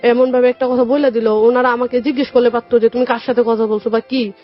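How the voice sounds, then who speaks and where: A young woman with a Bangladeshi Bengali accent, her voice a little high, speaks fast in a level tone. She's a guest on a radio interview, telling her life story colloquially and often acting out past conversations as dialogue. The lo-fi radio audio sounds dull, with music in the background.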